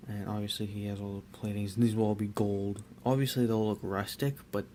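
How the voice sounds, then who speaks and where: A young man casually talking through his hobby work, rambling and relaxed with many fillers and restarts. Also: on the low side, fairly quick, slight background noise. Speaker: miniature painter.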